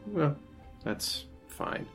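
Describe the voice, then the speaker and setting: A woman's voice: drawn-out words, soft background music. A man playing a proud, blunt female warrior in a tabletop game, with a sardonic, condescending manner.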